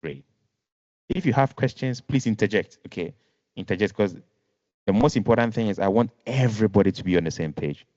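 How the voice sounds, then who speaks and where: A man's voice: fairly low pitch, fairly quick, darkish tone, dry recording. A man teaching a music lesson online, patient, repeating and rephrasing, counting notes aloud. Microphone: video call. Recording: dull lo-fi video call audio.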